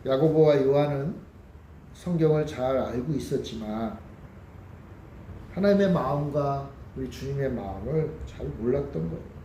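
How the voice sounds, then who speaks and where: A man's voice: mid-range voice, normal speed, dark tone, muffled recording, a little hiss or hum. A man preaching a Sunday sermon as pastor, talking to the congregation and putting questions to them. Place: church sanctuary. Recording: echoey church hall with faint ambience.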